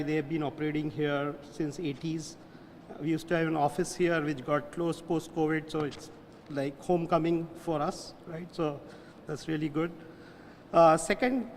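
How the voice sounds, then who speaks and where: A man's voice: fairly high pitch, big-room sound, slight background noise. A man, a company executive, giving an earnest, plainly worded speech at a ribbon-cutting ceremony. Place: large indoor hall.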